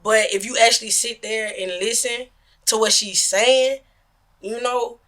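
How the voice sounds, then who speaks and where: Man, American accent, high sharp voice, slangy, casual podcast chat. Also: steady tone, a little slow. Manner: slangy, repeatedly checks understanding. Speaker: music artist on a podcast.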